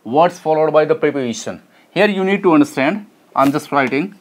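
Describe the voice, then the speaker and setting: A man works through entrance exam questions as an English teacher. His voice sits a little high, and he repeats key words slowly so students can follow. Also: expressive. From Nepal. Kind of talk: exam solution lesson.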